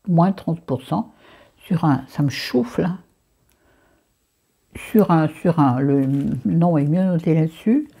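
A woman's voice: low-pitched, lively intonation, slow, pauses often, mellow, breathy edge. A French-accented woman chatting through a makeup haul, dropping into whispered asides and scolding herself by name. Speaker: beauty vlogger.

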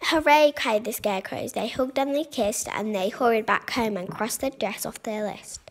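A woman's voice: a little high, normal speed. A woman reading a rhyming picture book aloud, stumbling and restarting on some words.

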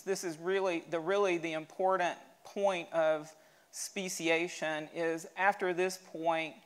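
A woman museum curator giving a steady, explanatory slide lecture, with an occasional restart. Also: on the low side.

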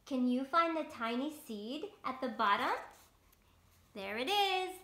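This read-aloud storytime comes from a woman in her thirties speaking to young children from a small bedroom, using simple language and questions aimed at the listener. She sounds high-pitched, expressive, pushed and bright, keeping a measured pace, and the home recording is roomy with echo.

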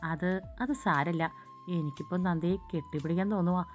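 A woman's voice: lowish voice, steady tone, brisk, faint music behind, natural voice. A woman doing a teasing, grumbling young husband. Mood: teasing firm.

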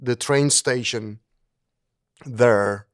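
A man's voice: mid-range voice, very slow, no echo, studio quality. A middle-aged man from Turkey, speaking as an interview guest in an earnest way, often restarting and repeating words. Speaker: guest, engineering professor. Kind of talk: conversational interview.

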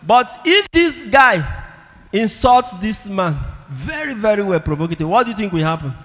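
In a big church with a congregation, a high-pitched male priest preaches a sermon at a moderate pace through a handheld microphone. Very animated and a bit bright in tone, he drives points home with repeated phrases and calls for responses, and long reverb fills the recording.

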